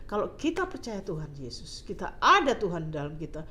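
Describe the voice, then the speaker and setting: A woman's voice: fairly low pitch, big pitch swings, brisk, pushed and bright, slight background noise. Woman sharing a faith testimony. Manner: mixes English phrases into Indonesian, laughs often. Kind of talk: emotional faith testimony in casual chat.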